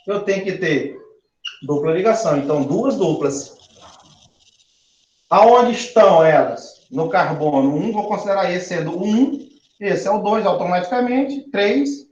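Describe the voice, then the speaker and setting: A male chemistry teacher, giving a classroom lecture, asking the class questions and spelling out syllables as he counts aloud. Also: high-pitched. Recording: roomy, dull-sounding classroom recording.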